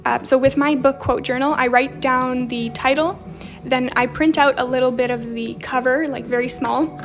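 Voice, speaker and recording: With faint music in the background, a young woman hosts a casual journaling livestream, reading viewer comments and chatting back in a slight Romanian accent. Her high voice barely rises or falls, and she keeps a moderate pace.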